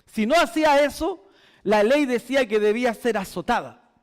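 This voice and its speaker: A man with a very high voice and a Chilean Spanish accent preaches a sermon. He puts questions to his listeners and repeats words to drive them home. His voice echoes through a church hall with a long reverb. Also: lively intonation, moderate pace. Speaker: pastor.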